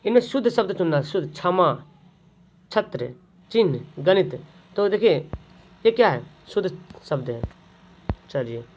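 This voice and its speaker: A man's voice: high-pitched, muffled recording. A man, tutoring students through exam questions, repeating each question and then answering it himself.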